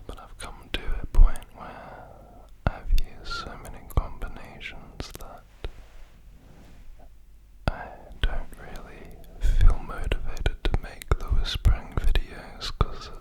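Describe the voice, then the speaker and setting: An ASMR host rambling in a whisper, ear to ear, right up close to stereo microphones, with long drawn-out pauses. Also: poor audio.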